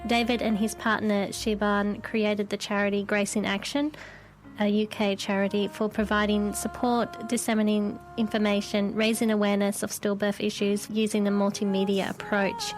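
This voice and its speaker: Woman, podcast host, even flat tone, soft music behind. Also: mid-range voice, normal speed, low-quality recording. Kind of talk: podcast narration.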